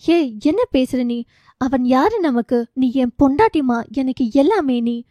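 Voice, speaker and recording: A woman's voice: sits high, expressive, a little slow, mellow, no room sound, dull audio. Pleading husband, read by a woman. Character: anxious, pleading middle-aged husband.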